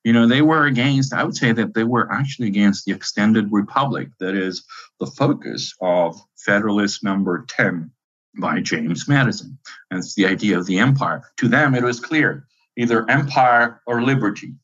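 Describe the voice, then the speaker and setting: A lower-voiced man with an Italian accent, explaining history like a professor. He talks animatedly, full of restarts and pauses. His audio is muffled and lo-fi, like a remote call. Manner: animated lecturing, many fillers and restarts. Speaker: university professor guest. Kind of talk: interview answers.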